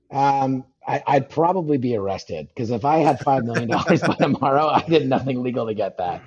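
A man talking fast as a podcast guest, rambling with lots of fillers and restarts. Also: mid-range voice, expressive, darkish tone, breathy edge, highs cut off. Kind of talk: casual podcast conversation. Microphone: phone call.

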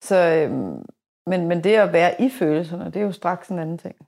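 A woman in her forties hosting a podcast, chatting casually and telling stories in a lively way with many restarts. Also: on the low side, gravelly. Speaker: podcast host. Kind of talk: casual conversation.

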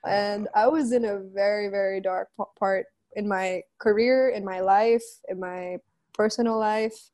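A woman's voice: medium pitch, steady tone, measured pace, a little mellow. A woman in her twenties with a Pakistani accent, telling her story frankly and informally as an interview guest, slipping between English and Urdu. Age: 20s. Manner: frank, informal, with quoted asides. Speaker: interview guest, musician and model. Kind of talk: candid conversational storytelling, mixing in Urdu phrases.

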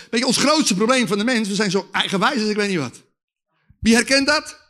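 A man preaching a sermon with testimony, leading lively call-and-response with the audience and shouting at the climaxes. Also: high-pitched.

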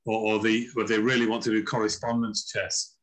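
On a laid-back podcast interview, a male chess author swaps chatty stories, performing the voices of people he quotes. His voice sits on the low side, level in tone, fairly quick and fairly bright, over poor audio.

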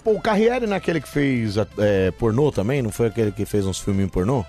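Guy cohosting, swoops all over the place, loud and laughy. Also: mid-range voice, big pitch swings, fast talker, faint music behind. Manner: exclaiming, laughing. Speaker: radio co-host, voice coach. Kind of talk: joking radio banter.

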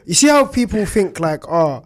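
A man's voice: high-pitched, very animated, fast. A young man with a London roadman accent hosting a casual group chat, slangy and repeating phrases for emphasis. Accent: London roadman, urban slang. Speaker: podcast host.

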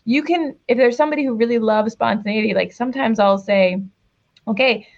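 A woman's voice: fairly high pitch, fast, vocal fry, darkish tone. Direct, emphatic woman coach on lo-fi audio. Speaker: relationship coach and guest. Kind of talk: casual interview talk.

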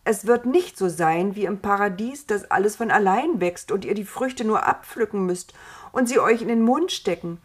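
Woman doing stern old male God, booming, solemn, storybook voice, even pitch. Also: moderate pace, breathy edge. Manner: solemn, booming when angry. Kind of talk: storybook reading.

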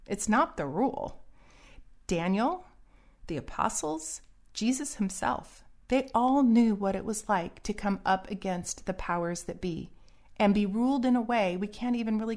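A woman's voice: mid-range voice, darkish tone. A middle-aged woman giving earnest, preachy solo commentary in a warning tone.

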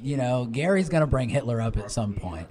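A man's voice: mid-range voice, very animated, fairly quick. A man, a comedian guest on a podcast, telling rambling stories with many fillers and frequent laughter. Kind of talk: casual comedy podcast chat. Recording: live venue with crowd chatter behind. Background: crowd chatter.

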